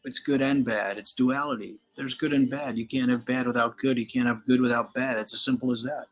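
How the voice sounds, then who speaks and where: Older man from Galicia, husky voice, rambling opinionated chat, laid-back host. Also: medium pitch, fairly even intonation, a little fast. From Galicia, Spain. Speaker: channel host. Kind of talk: casual slideshow commentary.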